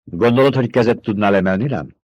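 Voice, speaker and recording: A man reading the part of a stern, commanding young desert leader with a sharp, forceful way of questioning. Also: on the low side, husky, dry recording. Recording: dull, dry recording.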